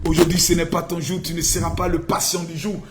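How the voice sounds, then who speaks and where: A man hosting a live stream, taunting and shouting in a theatrical, sing-song rant. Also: a little high, monotone, a little fast, faint music behind. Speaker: political live-stream host. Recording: echoey room with faint noise.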